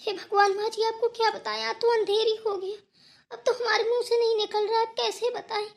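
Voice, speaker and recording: Cartoon role: a woman playing a dramatic, tattling young daughter-in-law with a very high, whiny voice. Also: level tone, moderate pace, vocal fry. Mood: distressed. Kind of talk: cartoon voice acting.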